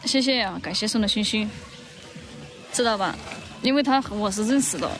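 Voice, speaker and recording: A woman's voice: medium pitch, brisk, faint music behind. A woman hosting a casual livestream in an outdoor park, chatting, teasing and cooing in baby talk on a handheld phone. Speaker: livestream host.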